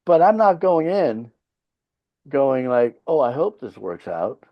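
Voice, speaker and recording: This Swedish-speaking Finnish rock band leader, guesting on a podcast, has a mid-range voice that's very animated yet slow, captured with lo-fi sound. He chats casually in interview style, swearing freely and driving each point home through forceful, no-nonsense storytelling.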